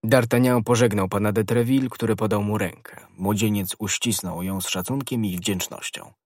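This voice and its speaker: A man narrating a classic novel as an audiobook, in measured, even storytelling. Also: fairly low pitch, no room sound, studio quality. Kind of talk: scripted narration.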